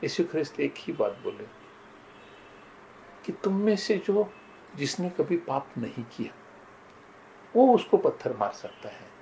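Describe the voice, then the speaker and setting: A man's voice: on the high side, very animated, unhurried, long pauses, dark tone, slight background noise, poor audio. An older man giving a motivational talk, earnestly telling personal and moral stories and often turning to address his listeners as friends. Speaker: motivational speaker.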